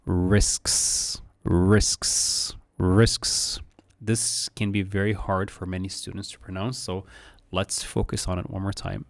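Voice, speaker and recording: Male pronunciation teacher, sick and husky-rough, low gravelly voice, exaggerated read-alouds of model sentences. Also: little pitch movement. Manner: reads model sentences aloud slowly and with lifted pitch. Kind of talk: online pronunciation lesson.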